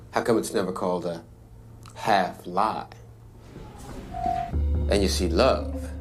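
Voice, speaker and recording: An actor playing a world-weary prison inmate who narrates in a blunt, sardonic, profane way. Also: male voice, low-pitched, a little mellow. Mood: musing. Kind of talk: scripted TV drama monologue. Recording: audible background noise.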